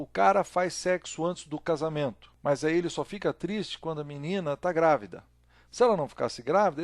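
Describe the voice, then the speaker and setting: A man teaching a casual church discipleship lesson, explaining ideas with lively everyday stories and rhetorical questions. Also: mid-range voice, no room sound.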